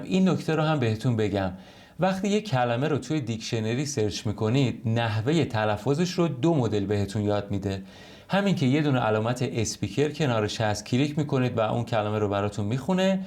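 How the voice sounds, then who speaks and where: A man teaching an online English lesson in Persian. He explains clearly and reads the English example sentences slowly and carefully. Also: mid-range voice, expressive, a little mellow. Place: home recording.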